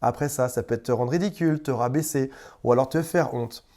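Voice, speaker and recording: A man's voice: mid-range voice, a little fast, dark tone. Man coaching viewers in casual talk. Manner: conversational, repeats words, briefly acts out quoted exchanges; addresses the viewer directly and informally. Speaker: relationship coach. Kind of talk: direct-to-camera coaching advice.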